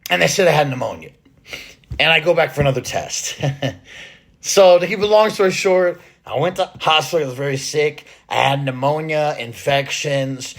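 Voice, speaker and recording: A man recovering from illness and short of breath, talking to his followers in a rambling, halting casual vlog update full of fillers and restarts. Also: on the high side, animated. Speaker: fitness content creator.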